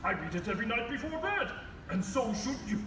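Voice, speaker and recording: Sam Eagle, pompous high-pitched patriotic eagle. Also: male voice, big pitch swings, fairly quick, crowd noise. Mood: stuffy, proud. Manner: pompous, stern, formal oratory. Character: pompous male patriotic eagle puppet, stuffy self-appointed historian. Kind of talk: live theme park puppet show. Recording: echoey show from far off, music.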